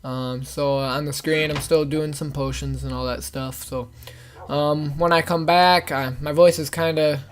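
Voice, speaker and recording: A young man hosting a gaming channel is losing his voice, which sounds fairly high and steady and runs a little slow, with a little hiss or hum. He rambles through casual Let's Play commentary packed with fillers.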